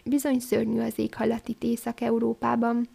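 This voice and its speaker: A woman's voice: a little high, little pitch movement, vocal fry, warm tone, breathy edge, full character voice. Woman voicing a fussy little male swallow. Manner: chatty and blunt. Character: young male swallow, restless, proud, fussy.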